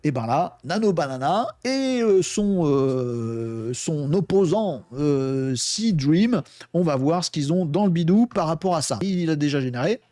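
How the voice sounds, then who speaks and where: A man's voice: on the high side, sing-song, measured pace, warm tone, no echo, clean studio sound. A man hosting a casual tech demo, chatting and thinking aloud with lots of fillers and asides to himself. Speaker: tech video host. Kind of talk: casual screen-share demo.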